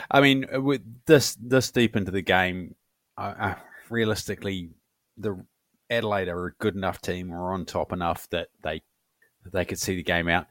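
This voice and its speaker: A very low-pitched man co-hosting a casual football podcast. He talks in a relaxed, meandering way, filling pauses with ums. His voice sounds dry and close to the mic. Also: dry recording. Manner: relaxed, meandering, with fillers and laughs. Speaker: podcast co-host. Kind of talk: casual sports podcast chat.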